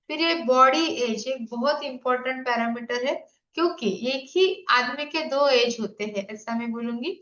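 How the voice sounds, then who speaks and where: There's a dull, echoey lo-fi room sound as a health coach in her 50s goes over slides in an online presentation. Her high, sharp voice puts questions to the audience.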